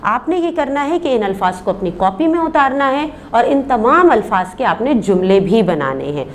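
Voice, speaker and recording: A woman's voice: fairly high pitch, big pitch swings, a little hiss or hum. A woman teaching a primary class, patient, repeating words for the children and asking questions she answers herself. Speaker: primary school Urdu teacher. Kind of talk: recorded remote lesson.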